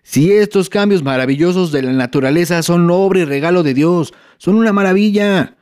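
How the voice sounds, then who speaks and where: A patient, caring father, played by a man, with a Mexican accent and a somewhat raised voice. He reassures his son softly and kindly in a family sketch. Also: sits high, moderate pace, clean tone, lightly acted. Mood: gentle. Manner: gentle, reassuring.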